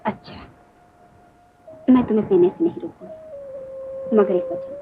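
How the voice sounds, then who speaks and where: A high, lively female voice, a devoted young sister-in-law who begs and coaxes with theatrical insistence. It has the tinny, phone-thin sound of an old 1950s film print with a faint hiss underneath. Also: a little slow, over music, full character voice. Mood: coaxing. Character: gentle, stubborn young bhabhi who tames her drunk brother-in-law. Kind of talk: 1950s Hindi film acting.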